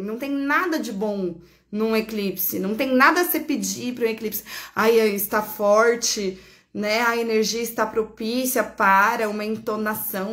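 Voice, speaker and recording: Chatty Brazilian astrologer woman, echoey room. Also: on the high side. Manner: chatty, affectionate, laughs often, corrects herself. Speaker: astrologer host. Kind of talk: casual live horoscope chat.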